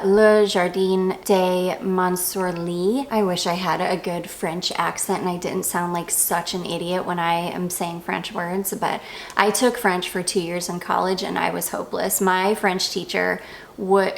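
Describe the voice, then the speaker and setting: A woman's voice: fairly low pitch, creaky, slight background noise. A young woman chatting casually about perfumes she loves, gushing and drifting off on tangents. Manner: gushing, goes off on tangents, self-deprecating. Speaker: perfume reviewer. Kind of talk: casual review chat.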